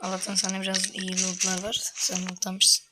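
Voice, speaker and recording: A woman's voice: medium pitch, completely flat delivery, moderate pace, heavy background noise. A woman giving casual commentary while playing a mobile shooter, grumbling and swearing in frustration. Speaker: gamer streaming a mobile battle royale.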